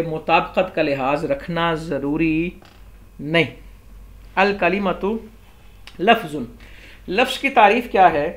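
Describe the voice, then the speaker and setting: A man's voice: on the high side, fairly bright tone. A man with a Pakistani Urdu accent, teaching a classroom grammar lesson and explaining step by step as he raises and answers objections. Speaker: Islamic scholar teaching Arabic grammar.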